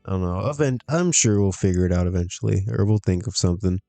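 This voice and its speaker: A man's voice: low voice, expressive, quick pace, vocal fry, mellow, dry recording, faint music behind. A man streaming a wrestling management game, chatting casually to himself, laughing often as he reacts to results. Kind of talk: casual gameplay commentary.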